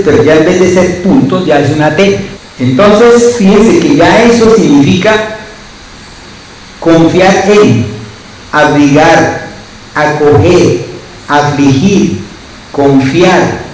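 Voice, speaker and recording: A male pastor giving a teaching sermon, often checking in with the congregation and slowly listing the meanings of words one by one. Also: a little high, a little mellow, a little hiss or hum. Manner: keeps asking the congregation "¿sí?" as he teaches. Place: church. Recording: echoey church hall, voice from a distance.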